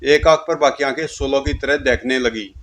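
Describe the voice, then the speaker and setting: A man's voice: medium pitch, steady tone, normal speed, a bit bright. A man narrating a horror comic story dramatically, speaking the sound effects aloud himself.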